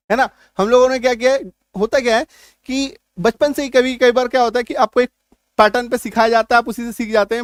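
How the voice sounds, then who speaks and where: A male teacher giving an online spelling lesson, who explains slowly, spells words out letter by letter and keeps checking in with his listeners. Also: very high voice, dry recording, clean studio sound. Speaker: English teacher.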